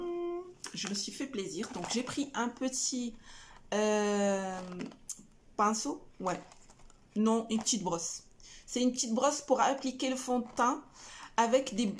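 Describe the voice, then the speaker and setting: Woman, middle-aged, casual haul vlog, slow unhurried pace, hesitant with fillers. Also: on the high side, a little hiss or hum. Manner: hesitant, many "euh" fillers and restarts. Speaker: family vlogger showing a shopping haul. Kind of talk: casual haul chat to camera.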